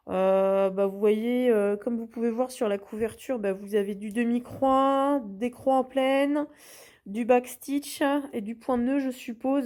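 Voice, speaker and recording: A woman's voice: fairly high pitch, dark tone. A woman hosting a craft channel, chatting casually through an unboxing with lots of hesitations and restarts.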